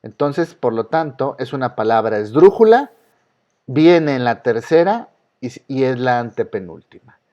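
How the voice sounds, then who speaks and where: A man's voice: mid-range voice, very animated, normal speed, warm tone. Man, Mexican accent, teacher, patient and repetitive, dull lo-fi sound. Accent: Mexican Spanish. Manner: patient, repeats key rules, asks students questions. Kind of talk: online class lecture. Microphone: video call.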